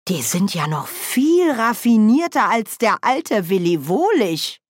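A cheerful old witch woman who gossips with relish, voiced by a woman reading aloud. She chatters on with a bright, lifted pitch. The sound is close and dry, with no room around it. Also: sing-song, slow pace, dry recording. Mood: gossipy. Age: older.

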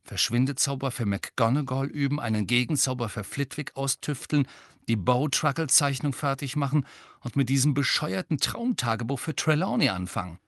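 Man voicing weary teenage boy, grumbling, mid pitch, dry. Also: expressive, moderate pace, fairly bright tone, dry recording. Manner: tired, grumbling.

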